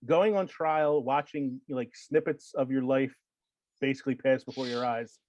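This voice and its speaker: A man's voice: mid-range voice, fairly even intonation, moderate pace, darkish tone, dry recording, lo-fi sound. A man co-hosting a podcast, chatting casually about films and trailing off into fillers. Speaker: podcast co-host. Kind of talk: casual chat.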